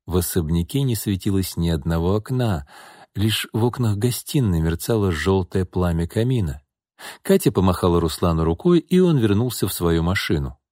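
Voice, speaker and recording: A man narrating an audiobook with expressive storytelling. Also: lowish voice, dry recording, studio quality. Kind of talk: scripted narration.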